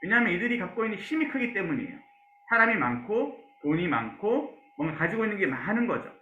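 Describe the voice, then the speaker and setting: Male pastor, lively, high-pitched teaching voice; asks the class questions; roomy lo-fi sound. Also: quick pace, a little hiss or hum. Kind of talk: Bible class lecture.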